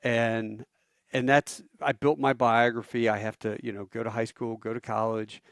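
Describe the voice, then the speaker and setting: An older man from the United States recounts his path to flying in an animated, storytelling manner. His voice sits in a middle pitch. The sound is dry and close. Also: moderate pace, vocal fry, no room sound. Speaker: guest, airline pilot. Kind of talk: storytelling interview.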